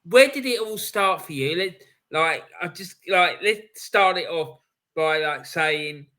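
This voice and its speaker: Bright-voiced man hosting a podcast. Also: on the high side, takes it slowly. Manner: loose, lots of "like" and "you know". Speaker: podcast host, interviewer. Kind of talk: casual interview chat.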